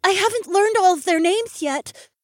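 A man voices a frightened young fox-girl farmhand who pleads for help, breathless and tearful, pitching his voice extremely high, above his own natural range. He speaks at normal speed, and the recording is dry and studio quality.

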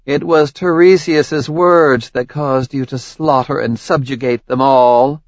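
A man's voice: medium pitch, fairly even intonation, a little slow, dry recording, voice pushed up, close to an everyday voice. A man voicing a proud, scheming goddess queen who needles her husband relentlessly, in an audiobook with a slightly dull, dry recording. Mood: taunting. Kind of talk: audiobook character voice.

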